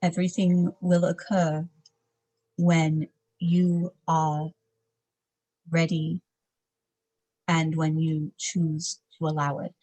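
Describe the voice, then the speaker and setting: A woman speaking as a trance medium, in formal, solemn, measured phrases, as if a spirit guide were advising a client. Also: sits low, level tone, warm tone, poor audio. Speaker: trance channeler, seance medium.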